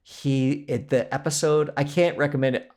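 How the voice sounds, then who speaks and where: A man's voice: on the high side, fairly even intonation, moderate pace, darkish tone. A man co-hosting a podcast in casual chat, enthusiastic and rambling, laughing often. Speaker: podcast co-host.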